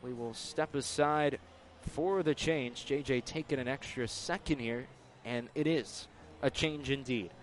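A man's voice: mid-range voice, measured pace, hardly any pauses. A man calling baseball play-by-play live, in clipped, terse phrases. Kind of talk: live play-by-play sports commentary. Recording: clear outdoor ambient noise. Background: outdoor ballpark ambience.

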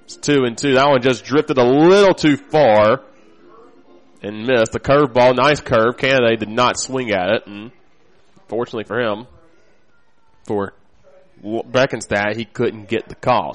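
A man's voice: medium pitch, unhurried. A man with an American accent giving live baseball play-by-play commentary.

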